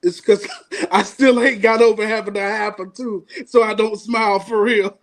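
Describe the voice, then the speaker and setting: A man co-hosting a podcast, telling a story in casual chat, animated and laughing often as he acts out what people said. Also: high-pitched, moderate pace, poor audio. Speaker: podcast co-host.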